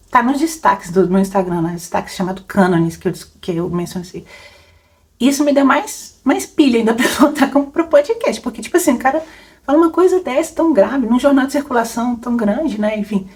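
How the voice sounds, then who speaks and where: In a casual Q&A chat, a young woman who runs a book podcast wanders loosely through the questions, full of fillers and frequent laughter. Her voice sits at medium pitch with a somewhat dark tone.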